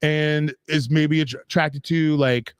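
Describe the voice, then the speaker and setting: A man's voice: a little high, steady tone, slow, clean tone, no echo. A man in his fifties co-hosting a casual talk show, rambling with lots of fillers and restarts. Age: 50s. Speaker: podcast co-host. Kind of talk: casual chat.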